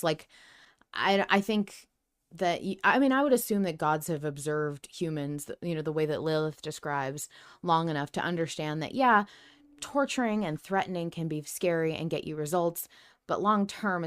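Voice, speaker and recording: A woman co-hosts a casual podcast, thinking aloud and speculating emphatically about an audio drama. Her voice is low and smooth.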